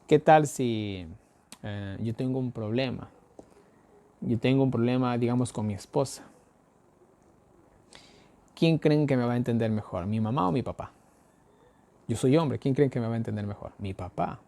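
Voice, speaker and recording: Man, Ecuadorian accent, Bible study sermon, gravelly voice, folksy rhetorical questions. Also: mid-range voice, normal speed, pauses often, warm tone. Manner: asks rhetorical questions and answers them himself; folksy, uses everyday examples. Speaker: Bible teacher.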